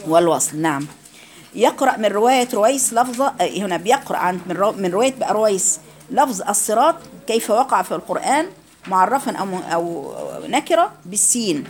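A woman with an Egyptian accent lectures a classroom on Quran recitation rules, explaining each one and quizzing her students with questions. Her mid-range voice is expressive and fast.

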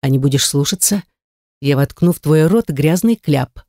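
A woman voicing a cruel, mocking young man who speaks in a hushed, menacing voice. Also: low voice, normal speed, no echo, studio quality. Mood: whispered threat.

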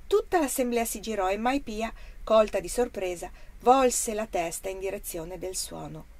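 A woman reading a novel aloud in a measured, expressive narration. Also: mid-range voice, dry recording. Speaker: audiobook reader. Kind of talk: scripted narration.

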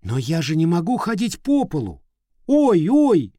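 A man voicing an eager, brave young boy in a read-aloud storybook, exclaiming excitedly. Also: medium pitch, a little slow, no echo, clean studio sound, voice pushed up. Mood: alarmed.

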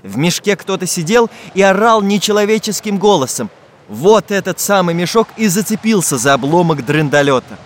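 A man reading a children's fairy tale aloud in an expressive storytelling way. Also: high-pitched, normal speed, slight background noise. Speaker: audiobook narrator. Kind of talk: scripted narration.

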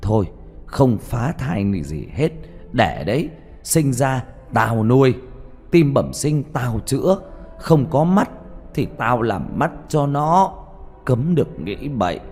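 A man voicing an angry, grieving old father who shouts and scolds. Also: on the low side, big pitch swings, slow, gravelly, breathy edge, in a large hall, faint music behind, heavily acted. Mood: furious pleading.

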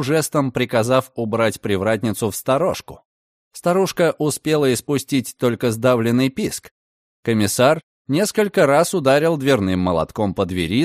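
A man reading a novel aloud as audiobook narrator, in an expressive, dramatic way. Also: mid-range voice, no echo, clean studio sound. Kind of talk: scripted narration.

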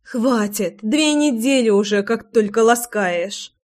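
A woman's voice: on the high side, takes it slowly, a little mellow. A woman reading aloud and voicing an impatient, demanding pregnant young woman in an audiobook. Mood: pleading. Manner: pleading, breathless, insistent.

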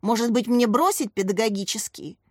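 A woman's voice: fairly high pitch, fairly quick, no room sound, clean studio sound, close to an everyday voice. A woman voicing a glum young female student who speaks in a subdued, sighing way.

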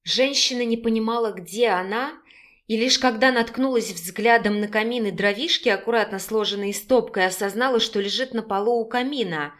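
A woman's voice: a little high, normal speed, fairly bright tone. Woman narrating an audiobook.

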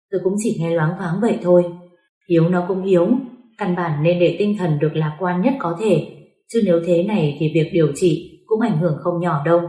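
A woman's voice: fairly low pitch, warm tone, reverberant, lightly acted, poor audio. A woman voicing a regretful male hospital staffer who speaks earnestly and apologizes.

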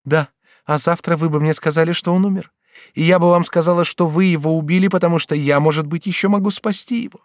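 A man's voice: a little high, steady tone, no room sound, studio quality, voice pushed up, close to an everyday voice. A man voicing a resolute, grave young woman in an audiobook, speaking firmly and earnestly. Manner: firm, earnest, measured.

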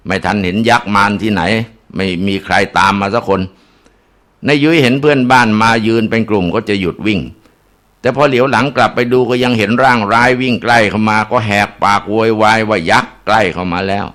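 A man's voice: on the low side, fairly quick, a bit bright. A man narrating a ghost story in a dramatic way, with occasional filler sounds.

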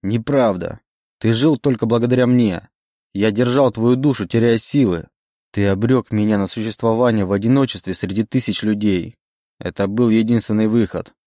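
A man's voice: lowish voice, moderate pace, warm tone, no room sound, clean studio sound, natural voice. A man voicing a possessive demon bound to a young man's soul, pleading and insistent in an audiobook reading. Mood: defensive. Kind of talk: audiobook character voice.

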